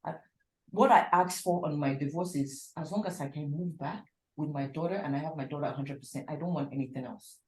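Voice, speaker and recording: A woman's voice: low voice, a little fast, darkish tone, a little hiss or hum. Emphatic woman in her forties. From Nigeria. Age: 40s. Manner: emphatic, blunt, repeats for stress. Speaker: instructor. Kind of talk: frank motivational talk in class. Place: classroom. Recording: echoey room.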